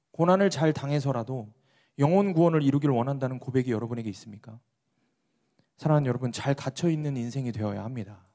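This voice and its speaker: A man preaching a sermon as a pastor, telling a story dramatically and swinging between loud and hushed delivery. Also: mid-range voice.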